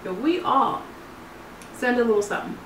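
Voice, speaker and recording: A woman's voice: on the high side, expressive, measured pace, a bit bright. Woman talking while eating, echoey room. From Southern California. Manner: chatty, earnest, encouraging. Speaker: mukbang vlogger. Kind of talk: casual chat to camera while eating. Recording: echoey room, mic at a distance, noisy.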